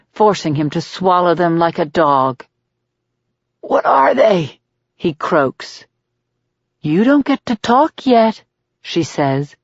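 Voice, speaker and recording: A woman narrating a dark thriller audiobook in a measured, steady, deliberate reading, recorded with slightly dull audio. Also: fairly low pitch, no room sound.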